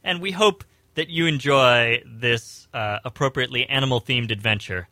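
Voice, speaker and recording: Male radio host: casual, hesitant, sharp bright tone, dry studio sound. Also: mid-range voice, moderate pace, no room sound. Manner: hesitant, searching for words.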